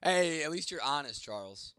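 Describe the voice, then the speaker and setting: A man's voice: on the high side, animated, normal speed, sharp tone, clean tone, no room sound. A young man hosting a casual livestream, rambling and swearing as he answers chat comments by name, with a sore throat and a cough. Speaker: livestream host reading chat.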